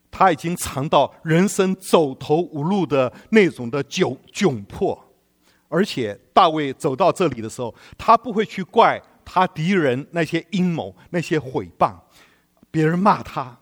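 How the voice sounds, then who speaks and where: A man preaching a sermon in an animated storytelling way, putting rhetorical questions to the congregation and chuckling often. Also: a little high, measured pace.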